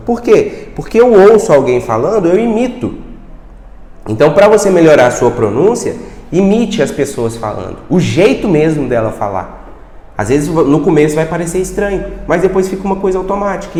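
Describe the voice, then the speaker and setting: A Brazilian language teacher with a Brazilian Portuguese accent gives a casual video lesson, addressing the viewer directly and often tossing out quick rhetorical questions. His voice is fairly high and a little mellow, recorded in an echoey room with long reverb.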